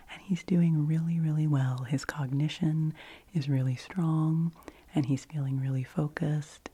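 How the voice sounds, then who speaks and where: A woman hosting an ASMR update in a breathy, hushed voice that moves between soft speaking and whispers, rambling gently and repeating phrases. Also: low-pitched. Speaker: ASMR creator and host.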